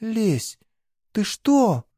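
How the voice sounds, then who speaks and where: A man reading a storybook voices a distraught young peasant girl who pleads in a high, strained voice. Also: sing-song, extremely slow, dark tone, dry recording, clean studio sound, heavily acted. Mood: desperate pleading.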